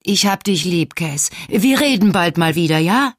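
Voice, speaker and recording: A woman's voice: lowish voice, expressive, no echo, studio quality. Woman reading as a frazzled young mother. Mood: rushed. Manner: blunt, hurried. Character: frazzled, exhausted young mother, blunt friend.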